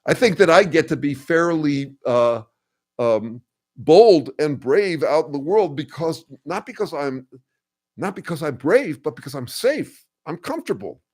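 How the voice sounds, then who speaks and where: Here an older man runs a laid-back livestream and responds to comments from his viewers in an expressive way. He describes himself as a bass, and his thoughtful, halting speech is packed with ums, uhs and false starts.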